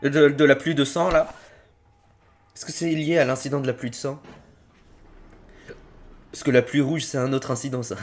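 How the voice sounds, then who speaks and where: A man with a French accent doing casual reaction commentary, excitable and slangy, with loud outbursts. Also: mid-range voice, normal speed, pauses often. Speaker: video reactor host.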